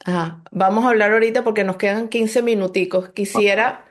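Brisk woman interviewer keeping time. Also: medium pitch, steady tone. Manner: brisk, steering the talk along. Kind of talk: casual interview.

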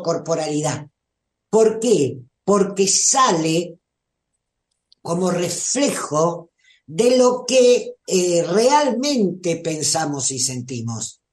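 Rioplatense lady doing a self-growth chat, lowish voice, unhurried, roomy echo. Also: a little mellow. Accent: Rioplatense Spanish. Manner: musing, often asks the listener questions. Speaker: spiritual self-growth speaker. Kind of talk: casual talk to an audience. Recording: echoey room.

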